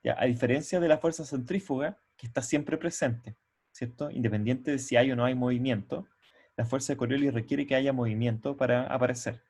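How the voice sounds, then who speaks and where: A man's voice: mid-range voice, darkish tone, breathy edge. Male lecturer teaching over a video call. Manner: explanatory, often checks in with "¿ya?"; halting, with frequent restarts. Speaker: university lecturer. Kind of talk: online university lecture. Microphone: computer mic on a video call.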